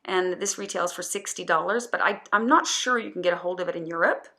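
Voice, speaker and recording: A woman's voice: lowish voice, a little fast, sharp tone. A woman casually reviewing her favorite perfumes, chatty and hesitant, with frequent restarts and fillers.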